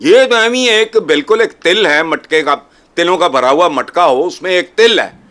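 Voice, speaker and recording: A man's voice: high voice, moderate pace, a bit bright. A man on a talk panel scolding indignantly, with a scornful, heated tone. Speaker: panel commentator.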